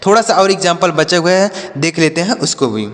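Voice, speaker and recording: A man's voice: a little high, lively intonation, fairly quick, a bit bright, in a large hall. A man teaching an English reading lesson, spelling each word out letter by letter, then repeating it and answering his own questions. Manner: asks questions and answers them himself.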